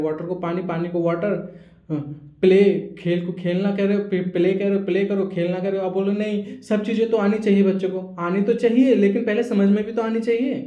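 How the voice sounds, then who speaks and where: A speech therapist explains methods to parents in a high, mellow voice, stopping often to check they follow. The room around him echoes. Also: male voice. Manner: explanatory, repeats "samajh rahe ho?" to check understanding. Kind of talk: teaching talk to parents.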